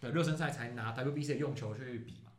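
A man's voice: medium pitch, quick pace. A man with a Taiwanese Mandarin accent in a casual sports discussion, chatty and colloquial with frequent interjections, as a podcast host. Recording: roomy echo.

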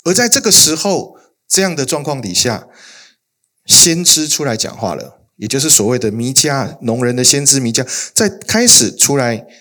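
A male pastor giving a sermon, telling stories expressively and swinging between soft, hushed passages and louder emphatic ones. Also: medium pitch, very animated, moderate pace.

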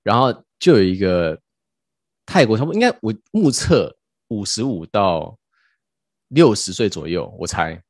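A man's voice: fairly low pitch, a little slow, long pauses, no echo, studio quality. A man telling a funny story in casual podcast chat, laughing and acting out the quotes. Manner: animated, laughing, acts out quotes. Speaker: podcast host.

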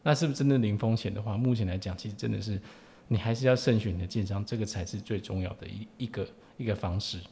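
A lawyer appearing as a podcast guest speaks fast in a lowish, creaky, dark-toned voice with a Taiwanese Mandarin accent. He explains things informally as an expert, dotting his phrases with particles and tag questions.

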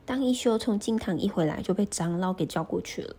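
A woman narrating a children's story in a gentle manner, speaking to the young listeners with drawn-out particles. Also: medium pitch, breathy edge.

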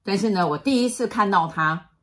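A middle-aged woman from Taiwan with a Taiwanese Mandarin accent, telling a ghost story in casual conversation, animated and acting out the people in it. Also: mid-range voice, a little fast. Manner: animated, acts out voices, restarts mid-sentence. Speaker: storyteller guest.

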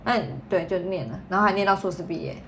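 A woman co-hosts a casual podcast. She talks fast, chatty and teasing, and keeps jumping in with quick remarks. There is a faint noise behind her voice. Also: medium pitch, steady tone. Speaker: podcast co-host. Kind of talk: casual chat.

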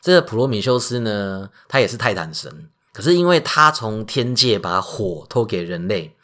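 A man with a Taiwanese Mandarin accent, hosting a podcast and retelling myths in a lively, joking way. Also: fairly low pitch, normal speed. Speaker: podcast host. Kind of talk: casual storytelling podcast.

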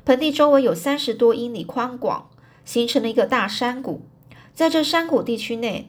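An anxious, tearful young woman who frets and pleads, as a female storyteller puts her on. Her voice rises a little higher with worry. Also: breathy edge. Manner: worried, pleading.

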